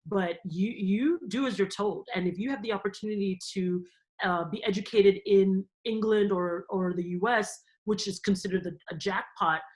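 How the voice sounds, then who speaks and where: A woman from Cameroon, a guest in an interview, telling stories in a lively, animated way and laughing often. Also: mid-range voice, moderate pace, low-quality recording. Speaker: guest, theme park company executive. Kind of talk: conversational interview.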